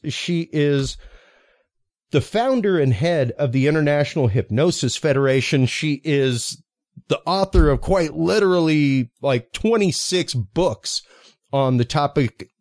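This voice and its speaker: A man's voice: medium pitch, darkish tone, no echo, clean studio sound. A man hosting a live podcast in an enthusiastic, informal, rambling way, moving between sponsor reads and interview chat. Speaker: podcast host.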